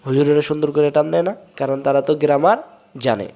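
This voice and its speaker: Guy teaching quran reading, gravelly voice, spells out sounds slow and patient. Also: a little high, fairly even intonation, warm tone. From Bangladesh. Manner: explains step by step, drawls sounds slowly to demonstrate. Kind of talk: recitation lesson.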